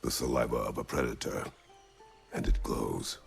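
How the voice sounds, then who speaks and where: Super deep raspy warrior dude, game character, solemn and terse, gravelly growl. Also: male voice, moderate pace, faint music behind, full character voice.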